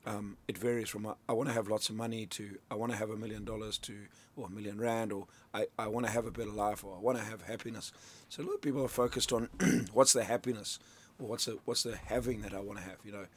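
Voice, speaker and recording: Husky and fairly low-pitched, this middle-aged Zimbabwean sales coach speaks quickly and steadily, with hardly any pauses. He is a guest in a radio studio, explaining his ideas in a loose, conversational style with plenty of restarts.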